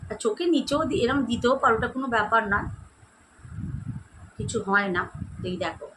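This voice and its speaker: A woman's voice: a little high, brisk, noisy background. A young woman vlogger talking viewers through a skincare routine at home, chatty and friendly, calling them friends as she demonstrates. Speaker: beauty vlogger. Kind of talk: casual skincare tutorial. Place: at home, indoors.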